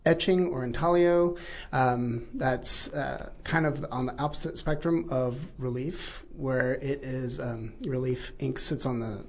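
A man's voice: medium pitch, measured pace. A man, a printmaking teacher explaining his craft in a casual interview, with many ums and uhs. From born in New Zealand, raised in Texas. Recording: muffled lo-fi recording.

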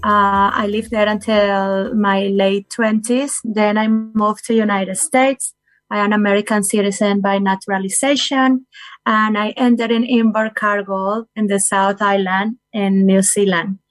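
A woman's voice: mid-range voice, dry recording, poor audio. Colombian woman talking earnest to listeners, spanish accent, dry close sound. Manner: earnest, direct address to listeners, non-native phrasing. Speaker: guest speaker. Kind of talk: personal talk on well-being.

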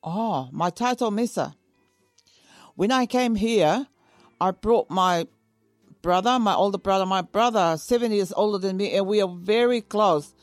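A woman's voice: mid-range voice, measured pace, no room sound, soft background music. Woman in her eighties from Samoa. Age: 80s. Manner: warm storytelling, repeats herself. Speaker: interview guest. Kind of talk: casual interview.

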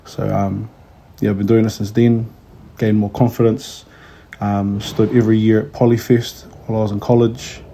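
Mellow, low-voiced New Zealand man. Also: flat delivery, normal speed, creaky, a little hiss or hum. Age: 30s. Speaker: kapahaka tutor, interview guest. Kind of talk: casual chat.

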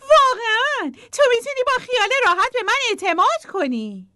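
A woman plays a friendly little bee who comforts its friend in a storybook tale. The voice sits very high and sparkles with brightness and lively swings of pitch. The delivery is quick and chirpy. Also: dry recording, studio quality, exaggerated voice. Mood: encouraging. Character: cheerful, encouraging little bee, a kind friend. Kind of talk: storybook voice acting.

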